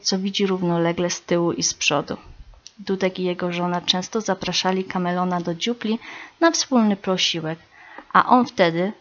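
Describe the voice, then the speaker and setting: A woman narrating a children's story in a gentle, expressive way. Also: on the low side. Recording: slightly dull recording.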